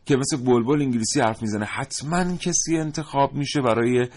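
A man's voice: mid-range voice, darkish tone. A man co-hosting a studio discussion, talking in an emphatic, lecturing way. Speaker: co-host.

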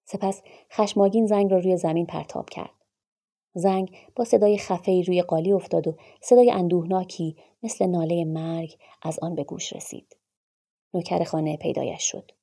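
A woman narrating a literary story in a measured, dramatic reading. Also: lowish voice, fairly even intonation, creaky, mellow.

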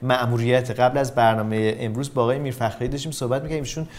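A man hosting a podcast interview, steering his guest with short questions and quick interjections. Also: mid-range voice, steady tone, darkish tone. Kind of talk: casual interview.

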